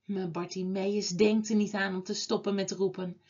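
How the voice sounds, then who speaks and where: A woman teaching a children's Bible class, telling a story to children in an expressive way. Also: mid-range voice, highs cut off. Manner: slow, expressive, lively telling.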